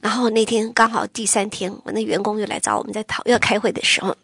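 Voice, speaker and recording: Gravelly woman giving emotional testimony. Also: mid-range voice, flat delivery, fast talker, no echo. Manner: emotional, swings from loud to whispered. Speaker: testimony speaker.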